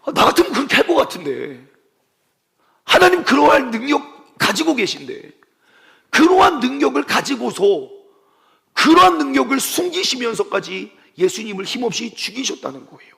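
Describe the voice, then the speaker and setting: Animated, gravelly-voiced preacher man. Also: extremely high pitch, moderate pace, in a large hall. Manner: animated storytelling with playful sound effects. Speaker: pastor. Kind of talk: sermon. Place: church service.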